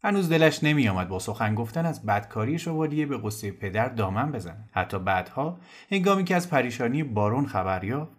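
A man narrating a novel in a calm, measured storytelling voice. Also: on the low side.

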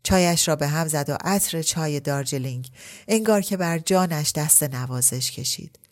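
A woman narrating a literary story as an audiobook, reading at a measured pace. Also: low voice.

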